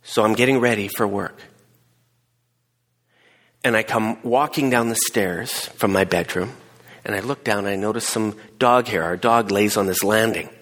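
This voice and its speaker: A man preaching a sermon, acting out the voices in people's heads with sudden jumps in pitch. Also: normal speed. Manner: animated, acts out inner voices with pitch jumps. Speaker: pastor. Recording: long hall reverb.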